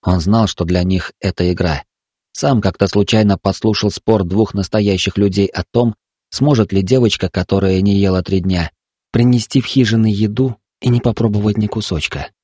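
A man reading a story aloud as narrator, in an even, measured delivery. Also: lowish voice, husky, dry recording, clean studio sound.

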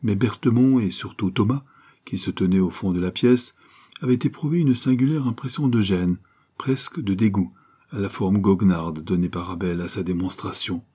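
A man reading a novel aloud in steady, scripted narration. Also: lowish voice, moderate pace, breathy edge. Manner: steady storytelling. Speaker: audiobook reader.

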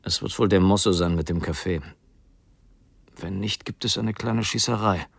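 A low, gravelly, husky male voice, recorded dry, reads a farewell letter in a radio play monologue. The heavily acted performance has an actor at normal speed playing a resigned, frightened man on the run, delivering the letter in a subdued, melancholy tone.

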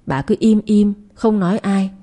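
A woman's voice: mid-range voice, a little slow, warm tone, lightly acted. A woman voicing a scrappy, cynical poor teenage boy who talks bluntly. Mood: plain. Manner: blunt, scornful.

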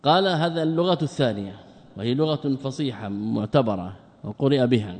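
A man's voice: mid-range voice, animated, fairly quick, darkish tone, husky, big-room sound. A man teaching a classical Arabic grammar lesson, who keeps asking rhetorical questions, answers them himself, and repeats and draws out the example words.

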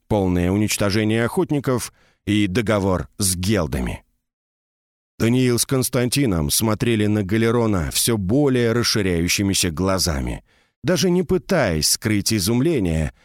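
A man narrates a fantasy audiobook with a low voice and a wide, expressive pitch range. His reading is steady and measured, and the recording is dry and close. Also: no room sound.

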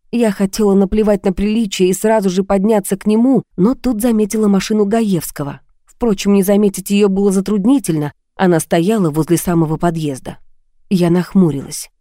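Brief: woman audiobook narrator, steady expressive storytelling, mellow tone, dry close sound. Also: mid-range voice, no room sound. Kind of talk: first-person audiobook narration.

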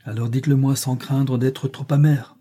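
A man reading aloud and voicing a passionate, tormented middle-aged gentleman, in an impassioned, pleading manner. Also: medium pitch, level tone, moderate pace, husky, close to an everyday voice. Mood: tender.

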